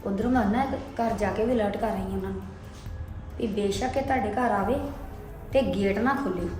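A woman's voice: medium pitch, brisk, a little mellow, close to an everyday voice. A woman with a Punjabi accent acting a suspicious, scolding sister-in-law in an amateur family drama. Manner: scolding, sarcastic. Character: stern, suspicious sister-in-law guarding the household. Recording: strongly echoing room, faint music.

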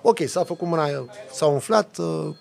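A man, a podcast guest, telling a lively story in a casual chat with vivid sound effects. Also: on the high side, gravelly. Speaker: podcast guest, off-road driver.

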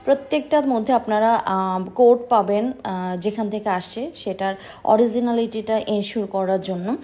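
A woman's voice: mid-range voice, warm tone. A woman in her thirties, a boutique owner, showing dresses in an eager, persuasive sales vlog in a small indoor shop. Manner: enthusiastic, persuasive, addresses viewers as sisters.

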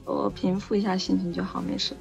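A woman's voice: mid-range voice, flat delivery, brisk, gravelly, faint music behind. A woman in casual voice chat while gaming, upset and holding back tears as she insists she is fine. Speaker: gaming teammate.

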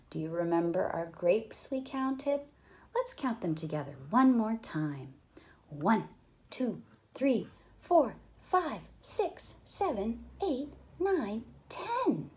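A young woman teacher reading a counting book aloud to small children, counting slowly in a sing-song way with playful whispers and excited pitch jumps. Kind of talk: counting read-aloud lesson.

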